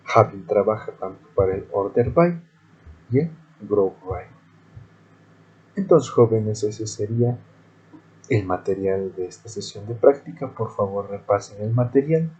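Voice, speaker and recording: A man's voice: lowish voice, animated, measured pace, pauses often, darkish tone, lo-fi sound. A male teacher giving a screen-recorded programming lesson, explaining methodically step by step.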